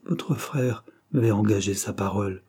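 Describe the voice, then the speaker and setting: A man's voice: lowish voice, normal speed, mellow, breathy edge. A man reading aloud, voicing a proud, heartbroken young orphan woman with bitter, tearful reproach.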